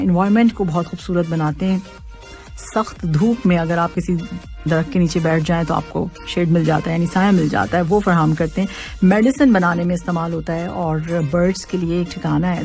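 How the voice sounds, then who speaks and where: A woman radio host chats casually on air from a radio studio, reading listener messages aloud and laughing often. She mixes English words into her talk. Her voice is lowish with a darkish tone.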